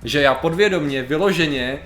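A man's voice: a little high, a bit bright, reverberant, soft background music. A young man co-hosting a casual chat, reading out points and reflecting on them. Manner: reflective, reads out points, laughs often. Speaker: podcast co-host.

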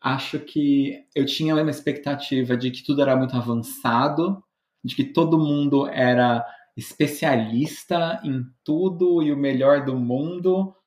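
A Brazilian man with a Brazilian Portuguese accent talks as a podcast guest. He tells his stories in a chatty, self-mocking way, full of fillers. The sound is roomy and echoey, at a middling pitch. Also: measured pace, darkish tone. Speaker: podcast guest, medical educator. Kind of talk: casual interview chat. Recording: roomy echo.

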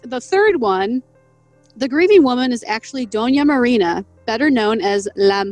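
Co-hosting a casual podcast, a woman reads a folk legend from an article in a voice that sits a little high with a darkish tone. She's animated at a moderate pace, laughing often and stumbling over names. The recording is dry and close with no room sound, and faint music plays underneath.

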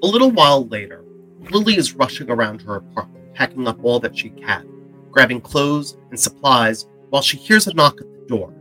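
Bright, animated male drama narrator. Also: medium pitch, fairly quick, low-quality recording. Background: background music.

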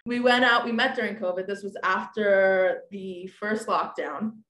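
A woman in her late twenties, a podcast guest, tells a dating story in casual chat, her mid-range voice measured in pace and reverberant. She's animated, acting out the quoted lines and using lots of fillers.

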